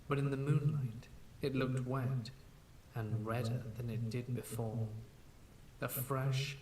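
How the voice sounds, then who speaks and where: A man narrating a scripted horror story in a measured, slow storytelling manner. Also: mid-range voice, darkish tone. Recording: echoey room, distant mic, faint hiss.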